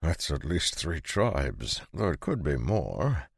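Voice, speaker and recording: A calm, unflappable swordsman talks in a very low, dark voice, short and steady, as a male audiobook narrator voices him. The reading is dry and close, with no room around it. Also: slow, gravelly, slightly rough, no room sound, exaggerated voice.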